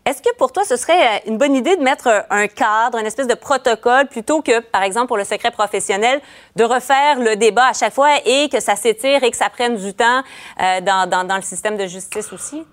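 Female news host, Quebec French accent, fairly high voice, informal conversational interviewing style. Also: fairly quick.

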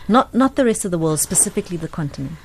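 A woman's voice: fairly low pitch, animated, racing, darkish tone, slightly rough. A woman hosting an interview, asking probing questions with frequent restarts and short affirming sounds. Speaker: interview host. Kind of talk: casual interview conversation.

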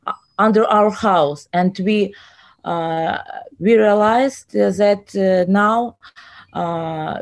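Slow, hesitant Ukrainian-accented woman. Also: mid-range voice, a little mellow. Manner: hesitant, many pauses and "uh" fillers. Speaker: interview guest. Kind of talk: interview answers in halting English.

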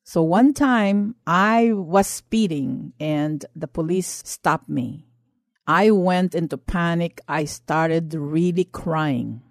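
A woman's voice: lowish voice, slow, no echo, clean studio sound. Earnest Filipino woman giving testimony. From Philippines. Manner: earnest, impassioned. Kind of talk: personal testimony and exhortation.

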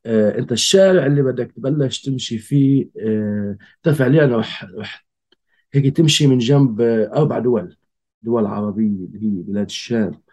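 A man with a Levantine Arabic accent telling a personal story in conversation, in a reflective, halting way with pauses and trailing phrases. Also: mid-range voice, a little mellow. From Golan Heights. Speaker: interview guest.

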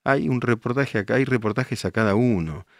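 This radio host, an older man with an Argentine Spanish accent, responds to listener messages he reads aloud using emphatic rhetorical questions. His voice sits at medium pitch and normal speed, recorded with studio quality and no room sound.

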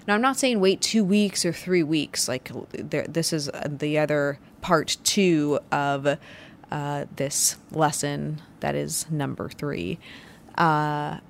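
A woman's voice: low-pitched, slow, creaky, slight background noise. A woman business owner hosting her own show, giving a motivational business talk with emphatic, punchy phrasing. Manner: emphatic, punchy delivery with stressed short phrases. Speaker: business owner and podcast host.

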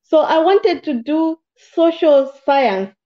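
A woman from Malawi, a guest in an interview, telling her life story in a measured, plain way with small restarts. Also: high-pitched, expressive. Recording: slightly dull, muffled audio.

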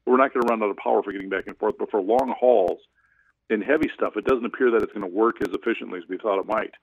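A man's voice: on the low side, fast talker, creaky, dry recording. A man joining a radio show over a phone line from a cabin in the woods, talking casually as a financial advisor and rambling with many hesitations. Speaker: financial advisor, regular guest. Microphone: phone or internet call.

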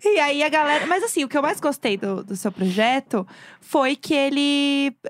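A woman's voice: sits high, animated, normal speed, dry recording. A woman host, chatting expressively and gushing with slang exclamations. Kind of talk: casual chat.

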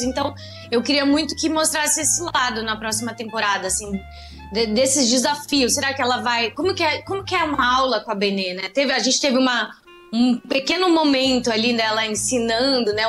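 A woman's voice: sits high, fairly bright tone. Thoughtful woman commentator. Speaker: co-host. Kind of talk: casual commentary.

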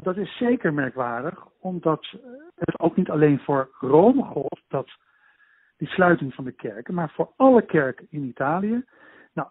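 A man on a poor-quality remote connection explains events at length in an interview, halting often with fillers and restarts. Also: slightly rough, dry recording. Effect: low-quality remote connection with poor sound. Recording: tinny, dry phone-like line.

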